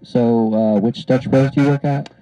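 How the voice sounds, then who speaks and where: A man's voice: medium pitch, fairly even intonation, moderate pace, dark tone, dry recording. A young man co-hosting a casual podcast through an old karaoke microphone that makes him sound like a pilot on an intercom, rambling and laughing often. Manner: rambling, laughs a lot, filler-heavy. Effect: muffled karaoke-machine mic, like a pilot on an intercom. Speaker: podcast co-host. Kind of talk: casual chat. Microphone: old karaoke machine microphone. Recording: dull lo-fi karaoke mic, dry.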